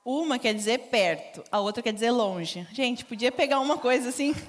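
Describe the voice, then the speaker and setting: A woman's voice: a little high, fairly quick. A woman giving a conversational church mission talk, informal and laughing often. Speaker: missionary speaker. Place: church stage.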